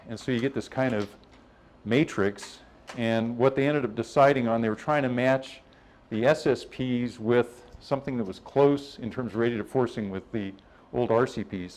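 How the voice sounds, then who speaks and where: At a scientific workshop, a man presents informally and conversationally, explaining things and voicing other people's positions as he goes. His voice is medium-pitched with a darkish tone.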